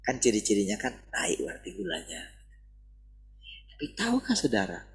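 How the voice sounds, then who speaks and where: A man delivers a sermon as relaxed, direct talk with his listeners. His voice is gravelly and a little husky. His pitch rises and falls in lively swings. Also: low-quality recording. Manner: conversational preaching, addresses listeners as saudara. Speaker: preacher.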